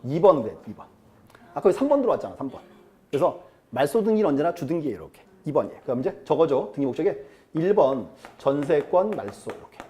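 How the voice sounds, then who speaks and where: Teaching real estate law, this male lecturer keeps things chatty, firing questions at the class and performing quotes aloud. His voice is on the high side yet dark in tone, very animated, and he talks fast.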